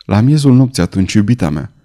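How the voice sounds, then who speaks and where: Guy doing a tender young lord reassuring his love, mellow warm voice. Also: fairly low pitch, big pitch swings. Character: tender young nobleman, protective lover.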